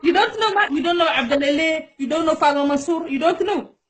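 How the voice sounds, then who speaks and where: A Djiboutian woman, a native Somali speaker, hosts a casual live-stream chat in broken English. Her voice is high-pitched and fairly quick, and she repeats herself while coaxing her guest.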